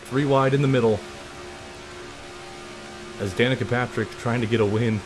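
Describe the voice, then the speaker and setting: A young man streaming a racing game live, calling the action in an excitable, announcer-like play-by-play. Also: mid-range voice, moderate pace, over music. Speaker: gaming streamer.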